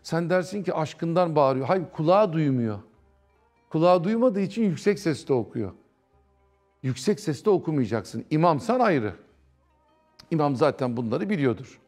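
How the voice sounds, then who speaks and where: A man giving a conversational religious talk on TV, animated and mimicking others as he explains. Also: fairly high pitch, normal speed, soft background music. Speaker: preacher.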